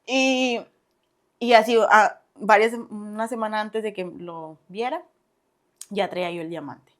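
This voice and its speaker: A young woman with a Mexican accent, a guest on a podcast, telling her own story in a casual, animated way and often laughing. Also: mid-range voice, a little slow. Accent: Mexican Spanish. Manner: animated, acts out past dialogue, laughs often.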